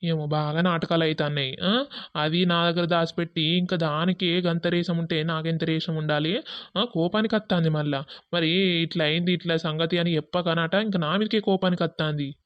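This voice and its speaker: A man plays a jealous young husband in a village cartoon who answers curtly and brushes people off. His voice is smooth and clean but flat, in a Telangana Telugu accent. The recording is dry and dull. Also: fairly high pitch, brisk, no echo, close to an everyday voice. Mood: irritated. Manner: irritated, brusque.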